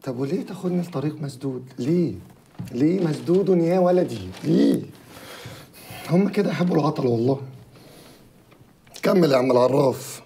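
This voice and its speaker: An actor playing a pompous, bossy company owner, blustering and teasing in an Egyptian accent. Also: male voice, a little high, expressive, fairly quick, vocal fry, long pauses, mellow, slight background noise. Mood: grumbling. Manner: blustering, self-important, teasing. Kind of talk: comic film acting. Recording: film audio with room echo and music.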